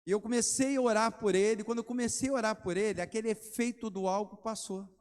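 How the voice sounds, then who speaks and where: A man's voice: high-pitched, steady tone, quick pace, darkish tone, smooth. A middle-aged man, preaching a sermon and asking the congregation rhetorical questions between testimony stories. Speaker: pastor.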